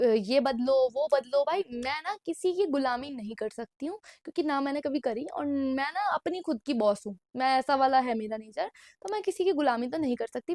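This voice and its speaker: A young woman in her twenties chats through a personal story for her vlog, talking casually at night in a room with a dry, close sound. Her voice sits a bit high and carries a gravelly crackle, and she keeps mixing English phrases into her Hindi. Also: darkish tone, dry recording. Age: 20s. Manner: chatty, mixes English phrases into Hindi and keeps saying "bhai". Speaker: vlogger.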